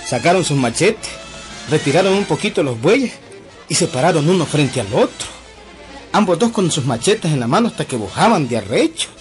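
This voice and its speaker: A man's voice: on the high side, very animated, moderate pace, faint music behind. A man telling a comic folk tale in a folksy manner, addressing the listener as a friend. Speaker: storyteller.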